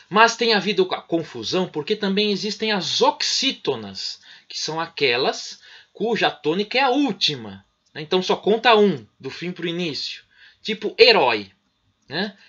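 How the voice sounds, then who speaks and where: Bright, husky Brazilian man teaching. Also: a little high, lo-fi sound. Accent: Brazilian Portuguese. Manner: explanatory, frequent "né?" and "certinho?" check-ins. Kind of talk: recorded online micro-lesson.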